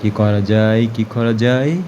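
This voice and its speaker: Slow-talking man telling a ghost story. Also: on the low side, fairly even intonation, a little hiss or hum. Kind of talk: children's ghost story narration. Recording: loud music behind.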